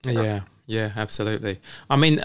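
A man's voice: lowish voice, normal speed. A man hosting a casual podcast chat, supportive and hesitant as he gathers his thoughts. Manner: supportive, frequent affirmations, hesitant. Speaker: host.

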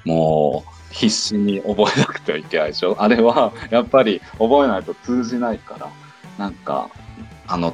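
A man with a very low voice talks through language teaching in a relaxed online audio chat. He explains things patiently and step by step. Soft music sits faintly in the background.

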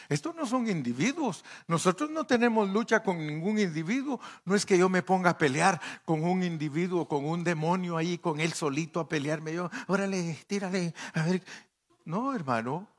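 A man preaching a fervent sermon in church, calling listeners brother and leading them into prayer. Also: a little high. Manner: impassioned, addresses listeners as brother. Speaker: pastor.

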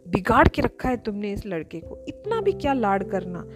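A woman's voice: mid-range voice, sing-song, normal speed, over music, close to an everyday voice. Woman doing a grumbling stern father. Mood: scolding. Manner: scolding.

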